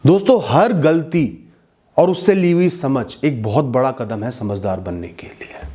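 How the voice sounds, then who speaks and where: A man giving earnest motivational advice to his listeners, speaking directly and warmly in a steady advice-giving talk. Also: medium pitch, a little slow. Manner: earnest advice-giving, mixing English words into Hindi.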